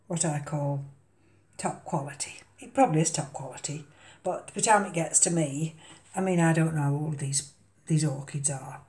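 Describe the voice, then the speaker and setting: An older woman who vlogs about orchids talks casually while potting one in her home kitchen, using a fairly low, mellow voice. Lots of ums and uhs make her sound hesitant, and the audio has a roomy quality.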